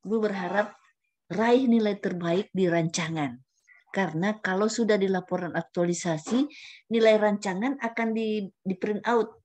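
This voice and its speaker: A woman's voice: lowish voice, darkish tone, slight background noise. A woman mentor guiding trainees in an online session, chatty, tagging many sentences with a questioning "ya". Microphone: camera at a computer.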